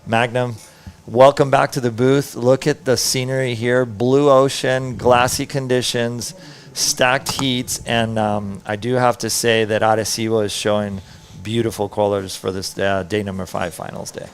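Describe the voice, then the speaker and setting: A man's voice: lowish voice, flat delivery, moderate pace, slight background noise. A middle-aged man giving conversational live commentary as a surf contest announcer.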